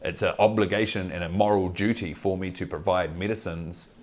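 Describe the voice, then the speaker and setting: Low-voiced New Zealand man, blunt and slangy. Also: steady tone, fairly quick. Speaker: political candidate and cannabis advocate being interviewed. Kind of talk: casual interview chat.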